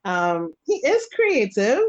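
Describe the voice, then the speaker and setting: Her recording is rough, and she takes it slowly at medium pitch. This Trinidadian-accented woman in her thirties, from Trinidad and Tobago, guests on a casual video call interview as a face and body painter. Animated as she tells stories, she acts out little quotes.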